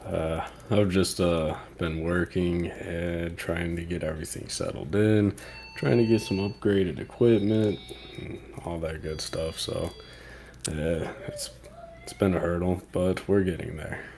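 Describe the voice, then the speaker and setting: Male guest, very deep voice, hesitant, low-key delivery. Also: fairly even intonation, measured pace, vocal fry, a little mellow, a little hiss or hum. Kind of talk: casual livestream chat.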